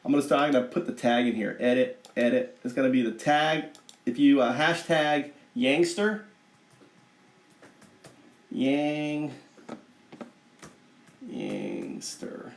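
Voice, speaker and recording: In full character voice, a man uses a fake Southern American accent as a brash redneck stream host, speaking slowly in a gravelly mid-range voice with big pitch swings and frequent pauses. He's chatty and rambling, boasting and swearing casually; the recording echoes roomily.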